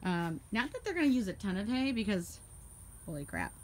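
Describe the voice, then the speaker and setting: A woman giving a casual walkthrough of her horse barn on a handheld phone, chatty and quick to laugh as she points things out. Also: mid-range voice, sing-song, darkish tone, slight background noise. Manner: chatty, laughs often, lists items as she goes. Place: horse barn, paddock and tack room, in and out of doors. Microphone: handheld phone camera.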